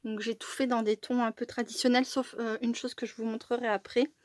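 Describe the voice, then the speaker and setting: A woman's voice: fairly high pitch, little pitch movement, a little fast, no echo. A woman chatting casually as a crafting vlogger while unboxing, with many fillers and small laughs.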